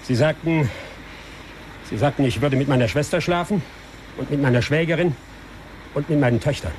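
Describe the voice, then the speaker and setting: An actor playing a humble barber in a radio drama, a beaten victim who speaks earnestly and imploringly. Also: male voice, moderate pace, a little mellow, slight background noise, lightly acted. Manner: earnest, imploring, rising in pitch when upset.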